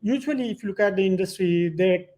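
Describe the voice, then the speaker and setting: A man giving an informal slide presentation, speaking in halting, repetitive phrases with many verbal fillers. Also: sits high, warm tone. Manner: hesitant, halting phrasing with frequent repetition and "you know".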